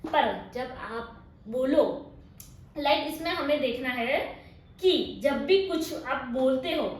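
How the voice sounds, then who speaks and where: High-voiced Gujarati woman teaching grammar. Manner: mixes Hindi and English, slow drawn-out example sentences, frequent "okay?" checks. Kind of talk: classroom-style grammar lesson. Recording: echoey room with faint noise.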